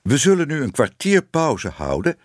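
A man voicing a pompous gentleman lecturer with formal, stately address, in a dry recording. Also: medium pitch, wildly swooping pitch, normal speed, no room sound, pitched above the performer's own voice.

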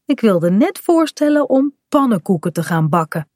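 A woman's voice: fairly high pitch, big pitch swings, moderate pace, darkish tone, no room sound, studio quality. A woman reading a storybook aloud, voicing a kindly father who teases the children. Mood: teasing. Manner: mock-puzzled, calling out.

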